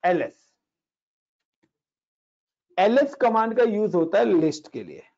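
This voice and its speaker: A man with a slightly high voice runs a relaxed Linux lesson, chatting his students through each step and dropping in English tech words. The sound is dull and lo-fi. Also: slow. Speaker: Linux instructor. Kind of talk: casual screen-share class explaining commands. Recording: dull lo-fi recording.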